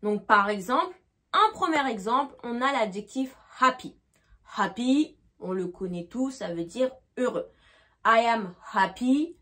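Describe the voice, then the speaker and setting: A woman's voice: a little high, fairly bright tone. A woman teaching English vocabulary, who repeats each example, translates it and checks with "d'accord?". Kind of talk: explaining grammar.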